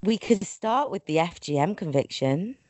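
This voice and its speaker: Low-voiced woman co-hosting a podcast. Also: expressive, moderate pace, a little mellow, no room sound. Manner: swears freely, laughs often. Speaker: podcast co-host. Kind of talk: casual chat.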